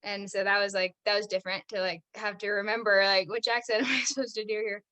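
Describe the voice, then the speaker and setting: On a podcast, a young American actress chats casually as a guest, her steady medium-pitched voice quick, pushed and bright. Chatty by nature, she leans on "like" constantly and laughs often.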